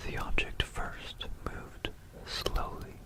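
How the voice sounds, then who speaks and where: Taking it slowly, an ASMR host whispers a history story without any voice, all breath, right up against a binaural mic. The narration wanders and keeps turning to the listener with playful little asides.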